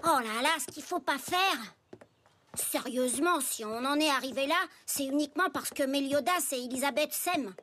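A woman's voice: high voice, normal speed, fairly bright tone, a little hiss or hum. A woman voicing a small male talking pig in an anime dub, blunt, cheeky and exasperated. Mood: exasperated, mocking.

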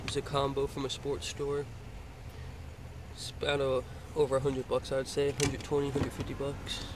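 Inside a car, a young man from Florida holds his phone pointed down at his fishing gear and rambles about it casually, with lots of hesitant fillers. His mid-range voice is monotone at a moderate pace, and the phone recording is noisy.

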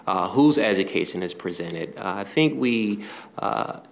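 A man speaking deliberately as a panelist in a conference room. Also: low voice, expressive, gravelly, a little hiss or hum. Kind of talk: panel discussion.

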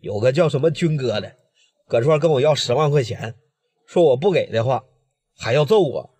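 Man doing beaten young Northeastern guy, husky, pleading. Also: mid-range voice, animated, brisk, dark tone, pitched below the performer's own voice. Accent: Northeastern Mandarin. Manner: pleading, shaky.

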